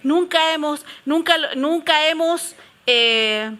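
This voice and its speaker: A middle-aged woman pastor preaches from the pulpit. Her voice sits high and rings bright, and she tells her stories with animated swings between firm proclamations and hushed prayer. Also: takes it slowly. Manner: animated storytelling preaching, shifting from loud declarations to soft prayerful tones. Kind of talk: sermon.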